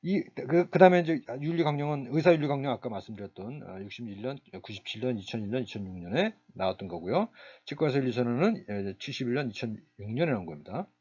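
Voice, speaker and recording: A man giving a recorded university lecture, speaking haltingly with many fillers and restarts. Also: mid-range voice, expressive, a little mellow, husky, muffled recording.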